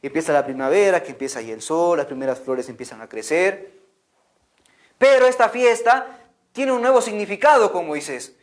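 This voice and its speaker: A man telling a Bible story to children as a catechist, animated, often checking in with "¿no?" and making sound effects. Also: high voice, moderate pace. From Peru. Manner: animated, lots of "¿no?" and "imagínate", sound effects like "pum".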